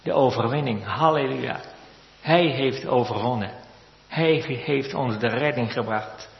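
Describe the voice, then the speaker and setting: A man preaching a sermon in a church, slow and measured with solemn repetitions. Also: mid-range voice, creaky. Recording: echoey church hall, lo-fi sound.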